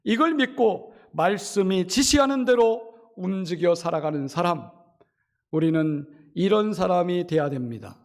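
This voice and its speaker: Middle-aged man, pastor delivering a sermon, high voice, rhetorical questions to the pews. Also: lively intonation, measured pace. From Chungcheong, South Korea. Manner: preaching with rhetorical questions to the congregation; acts out quoted lines.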